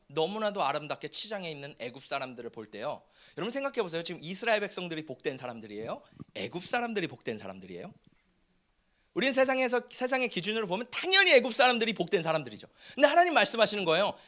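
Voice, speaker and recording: A man's voice: high-pitched, pushed and bright. A man preaching a sermon as pastor, asking the congregation questions as he goes.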